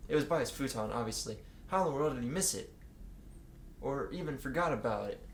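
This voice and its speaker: A man with a mid-range, creaky, expressive voice reads fan fiction aloud at a brisk clip, co-reading it with joking asides. The room is echoey, with faint background noise.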